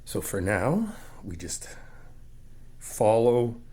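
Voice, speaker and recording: This time the man's lowish voice is mellow and exaggerated, very slow, with wildly swooping pitch. He's still the easygoing, encouraging friend helping paint an apartment in a casual ASMR roleplay, chatting informally and explaining patiently in a patient, instructive mood.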